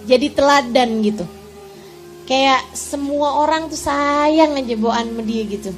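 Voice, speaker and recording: High-voiced woman giving a lively sermon. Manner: animated storytelling with rhetorical questions to the audience. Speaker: religious teacher. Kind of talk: sermon to women.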